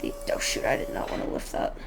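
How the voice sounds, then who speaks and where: A speaker narrating a casual role-play as a car shop owner, rambling and often correcting themselves. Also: fast. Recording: noisy recording.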